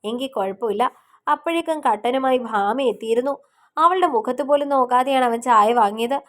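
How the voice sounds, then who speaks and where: A woman narrating a romance novel as an audiobook, in a steady storytelling manner. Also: high-pitched, brisk.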